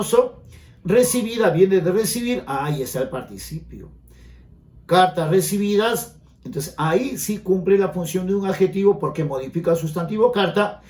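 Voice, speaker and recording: High-voiced male grammar teacher, echoey room. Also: a little mellow. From Peru. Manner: explanatory, asks students frequent check questions. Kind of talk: exam-prep grammar lesson.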